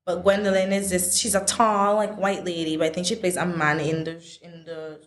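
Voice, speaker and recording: A woman's voice: lowish voice, flat delivery, fairly quick, slight background noise. A young woman from Saint Vincent, a guest in a casual interview, chatty and confident with playful asides to the viewers. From Saint Vincent and the Grenadines.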